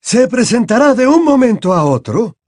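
A man's voice: very high voice, sing-song, moderate pace, darkish tone, dry recording, clean studio sound, pitched above the performer's own voice, full character voice. A man reading aloud voices an old, courteous wizard headmaster who speaks graciously and politely. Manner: gracious, polite, slightly hesitant.

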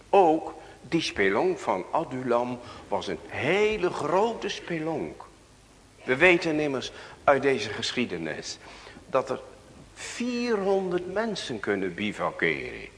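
A man's voice: mid-range voice, wildly swooping pitch, slow, big-room sound, a little hiss or hum. A Dutch man preaching a sermon as pastor, reading scripture aloud and putting questions to the congregation.

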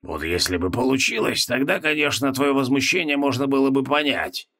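A man reading an audiobook, voicing a weary, sardonic male demon prisoner in a low, subdued drawl. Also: animated, brisk, bright, forceful tone.

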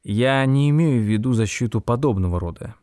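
A sharp male detective in a spoken mystery, as the narrator puts him on, brisk and impatient as he reasons aloud. His voice is dark and mellow. The recording is dry and close. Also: medium pitch, animated, smooth, no room sound, natural voice.

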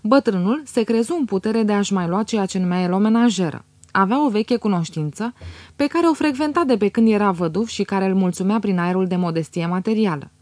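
Brief: female audiobook narrator, measured literary reading, dry close mic. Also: mid-range voice, darkish tone, no room sound. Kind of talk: scripted narration.

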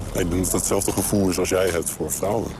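A young man in a documentary interview clip, his voice disguised by deep pitch shifting, speaking hesitantly and searching for words. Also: steady tone, quick pace, music in the background. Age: young adult.

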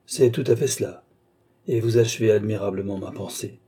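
A man's voice: on the low side, a little fast, dark tone, husky. A man voicing a witty, aging duke in an audiobook, mocking and theatrical in his banter. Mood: teasing. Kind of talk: audiobook character voice.

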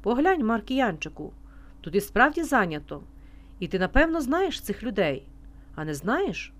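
A woman reading an audiobook voices a brash jealous woman with an unpleasant hissing tone and a showy, overly loud manner. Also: a little high, sing-song, moderate pace. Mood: mocking.

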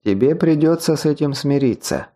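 A man voicing a calm, quietly menacing male mentor in an audiobook, talking in a soft, sugary-sweet, unhurried way. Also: fairly high pitch, voice pushed up. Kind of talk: audiobook character voice.

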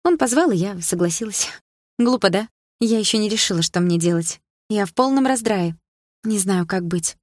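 A woman's voice: mid-range voice, lively intonation, no room sound, voice pushed up, close to an everyday voice. A woman voicing an anxious, bossy young female friend who fires off worried questions and scolds. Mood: flustered. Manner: agitated, scolding, fast questions.

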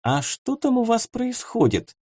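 A man reading an audiobook, voicing a curious young noblewoman in a raised girlish pitch. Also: sing-song, measured pace, darkish tone, husky, no room sound, full character voice. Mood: prim, curious. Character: young flustered noble girl, curious baroness. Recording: dry close studio sound.

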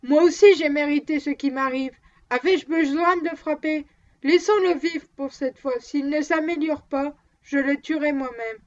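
A woman's voice: sits high, moderate pace, close to an everyday voice. A woman reading the part of a blunt, stubborn male dog handler in an audiobook, on a dull lo-fi recording.

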